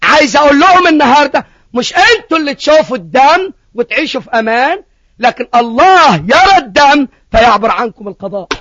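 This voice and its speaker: A man's voice: extremely high pitch, fast, no room sound, lo-fi sound. A man with an Egyptian accent preaching a sermon, telling a story and questioning his listeners. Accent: Egyptian Arabic. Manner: animated storytelling, questions to the congregation.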